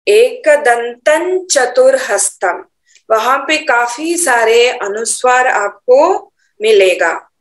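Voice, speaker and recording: A woman teaching Sanskrit pronunciation for Vedic chanting, slowly demonstrating each syllable. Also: high voice, fairly bright tone, reverberant. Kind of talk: online pronunciation lesson.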